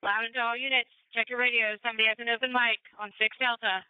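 A woman's voice: on the high side, flat delivery, quick pace, clear, resonant tone, no echo. A woman working as an emergency dispatcher, making formal procedural announcements over a crackly, military-style radio. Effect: crackly two-way radio. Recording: dull, crackly radio scanner audio.

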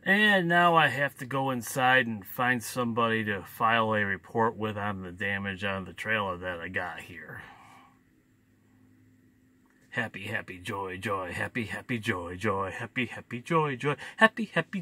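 A man's voice: lowish voice, unhurried, sharp tone, poor audio. A man in his forties, a truck driver vlogging from his cab on a headset mic, talking casually with wry sing-song asides and some grumbling. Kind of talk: casual vlog narration. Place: inside a truck cab while driving. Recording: road noise in a truck cab. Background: engine and road noise.

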